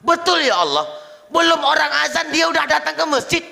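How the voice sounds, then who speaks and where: A preacher voicing an aging wife who pleads with God, whiny and insistent, in a comic sermon role-play. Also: female voice, high-pitched, animated, a little fast, vocal fry, sharp tone, voice pushed up, exaggerated voice. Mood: pleading. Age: older. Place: mosque. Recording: long hall reverb.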